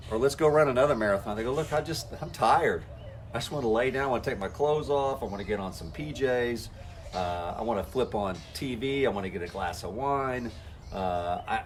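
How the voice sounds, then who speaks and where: A man with a mid-range voice coaches network marketers, talking straight to the camera in a folksy way and acting out the conversations he has with people. There's slight background noise.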